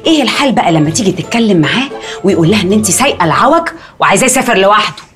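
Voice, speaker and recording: A woman's voice: medium pitch, lively intonation, soft background music, close to an everyday voice. An actress with an Egyptian accent playing a suspicious, lecturing middle-aged mother in a TV drama. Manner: sharp, lecturing, quick scolding. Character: scolding, suspicious mother of a grown family. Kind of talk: TV drama acting.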